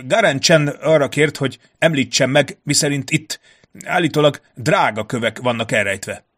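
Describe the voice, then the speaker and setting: A man's voice: medium pitch, fairly bright tone, voice pushed up, natural voice. A man voicing a nervous, courtly male ambassador who stammers and fills his talk with hesitations. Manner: stammering, filler-laden, trembling.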